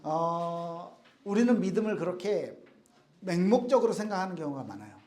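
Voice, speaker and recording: In a reverberant church youth service room, a youth pastor gives a casual sermon, telling stories in plain speech and acting out the quotes himself. His voice sits high and a little mellow, animated and at a moderate pace.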